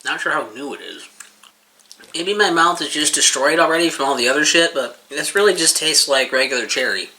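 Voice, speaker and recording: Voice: mid-range voice, fairly quick, pushed and bright, rough recording. A person giving a casual, rambling taste-test review, talking informally and swearing freely while eating.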